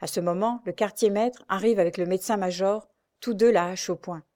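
Woman, audiobook narrator, adventure novel, steady dramatic reading. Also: mid-range voice, a little fast.

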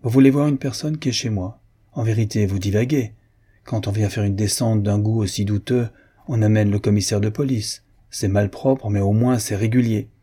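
A man reading aloud who voices a suave, mocking gentleman, curt but courteous. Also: fairly low pitch, steady tone, moderate pace, slightly rough. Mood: cool, cutting. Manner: cutting yet courteous.

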